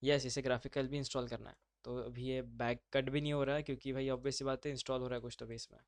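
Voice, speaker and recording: A man's voice: mid-range voice, flat delivery, quick pace, no room sound, clean studio sound. A man teaching a live online class, talking students through steps in an informal, chatty way. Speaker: instructor.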